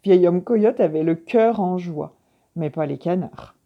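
Slow, husky woman reading a story. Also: fairly low pitch, muffled recording. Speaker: teacher reading to pupils.

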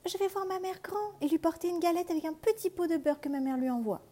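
Storybook little girl, high-pitched, sweet, innocent, as a woman puts her on. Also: fast talker, dark tone. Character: young village girl, innocent and trusting.

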